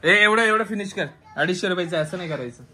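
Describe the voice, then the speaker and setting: A man's voice: high-pitched, lively intonation, fast talker, sharp tone, slight background noise. A man hosting a casual vlog, talking in a teasing, coaxing way. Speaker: vlog host.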